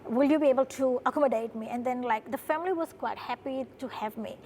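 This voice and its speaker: Speaking fast in a high, slightly mellow voice, a Fijian woman who founded a production company shares her story as an interview guest in a studio. She's earnest and keeps adding "right?" as she talks. A little hiss or hum sits under the recording.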